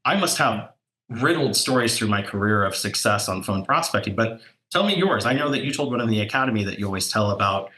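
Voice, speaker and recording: A man telling real estate sales stories in a casual chat, animated and jumping up in pitch when he quotes people. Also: fairly quick. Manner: animated storyteller, voice jumps up for quoted dialogue. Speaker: real estate broker and podcast co-host.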